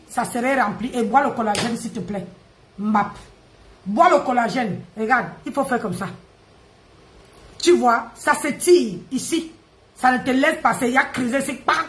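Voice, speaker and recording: A woman, ranting and mocking on a live stream, loud, laughing and teasing. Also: high voice. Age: 50s. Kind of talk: Facebook live rant. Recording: echoey room.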